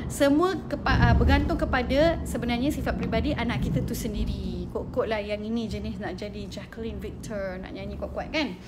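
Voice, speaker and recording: A Malaysian woman in her thirties hosts a casual parenting talk with a high, bright-pitched voice. She is lively and moves easily between Malay and English. A faint hum of background noise sits under her voice. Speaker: host and mother.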